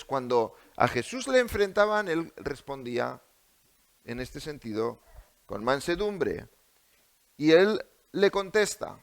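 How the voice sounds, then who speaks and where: Spanish man preaching, lively and gravelly. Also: fairly high pitch. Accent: Spain. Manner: asks the congregation many rhetorical questions. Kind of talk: sermon. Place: church.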